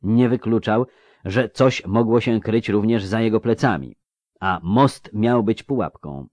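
A man's voice: on the low side, a little slow, darkish tone, no echo. A man narrating a fantasy audiobook with a tense, suspenseful reading.

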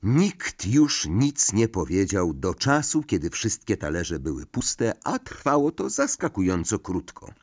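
Deep, expressive male audiobook narrator. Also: a little slow, hardly any pauses, dry recording, lo-fi sound. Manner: expressive, animated. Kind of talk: storybook reading.

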